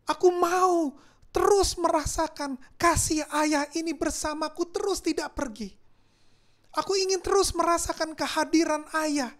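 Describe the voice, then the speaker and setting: A man voicing a poor young girl who pleads in tears for her father's love, in a story told from the pulpit. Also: extremely high pitch.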